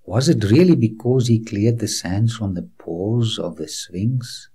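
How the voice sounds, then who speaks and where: A man's voice: lowish voice, measured pace, dark tone, slightly rough. A man presenting a documentary in scripted narration, breaking off to preach and speaking straight to the viewer as a friend, earnest and reassuring. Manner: guides the viewer like a tour guide on location.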